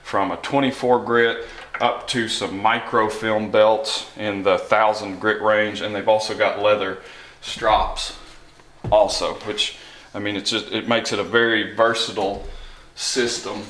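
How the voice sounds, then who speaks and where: A man's voice: fairly low pitch, little pitch movement, measured pace, fairly bright tone, slight background noise. A man giving a casual, hands-on tutorial in a workshop, explaining things in an informal way. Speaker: knife sharpening tutorial host. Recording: echoey workshop room.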